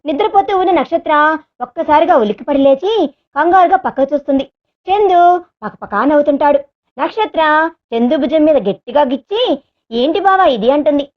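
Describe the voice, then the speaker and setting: A woman narrating a romantic story as an audiobook storyteller, expressive and steady, in a slightly dull recording. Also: high-pitched, fairly quick.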